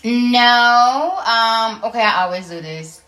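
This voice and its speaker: A woman in her late twenties co-hosts a casual podcast, projecting her voice loudly as if on radio. Her voice sits a little high. She jokes freely and often breaks into bits of song. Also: expressive, slow. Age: late 20s. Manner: loud, projecting voice; playful, bursts into song. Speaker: podcast co-host. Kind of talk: casual chat.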